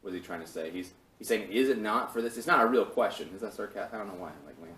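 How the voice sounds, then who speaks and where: A man's voice: deep voice, rapid-fire, fairly bright tone. A man teaching a casual Bible study, talking in a loose, rambling way with fillers and restarts. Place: church meeting room. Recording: roomy, from a distance, faint background hiss.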